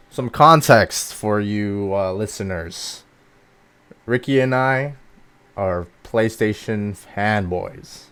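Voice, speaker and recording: A man co-hosting a gaming news podcast, talking in an excitable, rambling way with many fillers. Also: lowish voice, drawn-out words, pauses often, clear, resonant tone. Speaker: podcast co-host. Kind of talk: casual chat.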